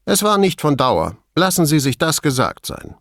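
A man reading an audiobook, voicing a middle-aged male lab chief who is smug and gossipy, raising his voice high and letting it swing widely. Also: moderate pace, dry recording, clean studio sound. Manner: high, animated, mocking bursts.

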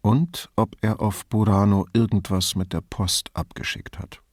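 A man reading an audiobook plays a reflective middle-aged police commissioner who talks in a measured, thoughtful way. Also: lowish voice, steady tone, a little mellow, no room sound, studio quality.

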